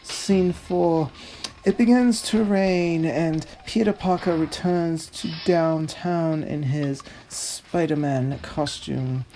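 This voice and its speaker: A man plays a pompous, fussy narrator host, a snobby connoisseur who reads a script theatrically. His voice is a little high and mellow, and he takes it slowly. There's a little hiss or hum in the recording.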